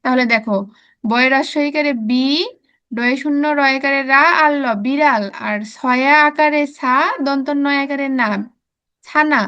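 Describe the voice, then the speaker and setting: High-voiced Bangladeshi woman teaching preschoolers. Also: steady tone, fairly bright tone, muffled recording. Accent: Bangladeshi Bengali. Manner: slow drilled spelling, coaxing children to repeat. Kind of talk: classroom lesson, spelling aloud.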